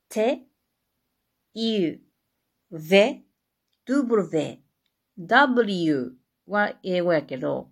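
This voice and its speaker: A woman talks alone on her podcast in a chatty, self-mocking way. Her voice sits a little low and has a faint husky edge. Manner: chatty, laughs at herself, lively asides. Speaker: podcast host. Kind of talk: casual solo talk.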